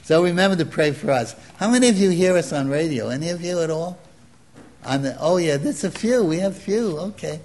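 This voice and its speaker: Older preacher with a Brooklyn accent. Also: male voice, fairly high pitch, animated, fairly quick, darkish tone. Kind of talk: informal sermon to a congregation.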